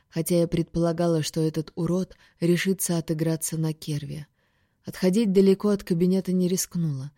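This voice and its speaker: A woman reading a first-person science-fiction audiobook in a steady, expressive way. Her voice sits low and mellow, recorded dry and close with no room sound. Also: no room sound. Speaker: audiobook reader.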